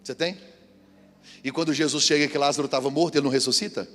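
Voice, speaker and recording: Man, pastor, fairly high voice, animated sermon, echoey church hall. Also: fast. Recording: echoey hall with long reverb.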